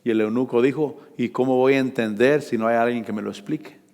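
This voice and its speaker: A man preaching a sermon, calling out scripture loudly, dropping to low asides and asking the congregation to repeat after him. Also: brisk, vocal fry, in a large hall. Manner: fervent, swings between loud scripture reading and low asides; call-and-response with the congregation.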